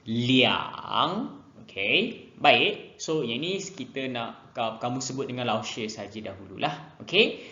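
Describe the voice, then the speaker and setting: A man teaches an online language class, drilling each word twice in a slow, patient rhythm. His voice is bright and swoops up and down a lot. The sound is roomy and a little dull. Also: mid-range voice, lively intonation. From Malaysia. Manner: slow, drills pronunciation by repeating words twice. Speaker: Mandarin teacher.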